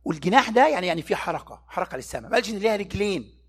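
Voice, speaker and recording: A man's voice: high-pitched, very animated, very fast, fairly bright tone, husky. A man with an Egyptian Arabic accent giving a Bible study sermon, who keeps posing rhetorical questions to his listeners and answering them himself.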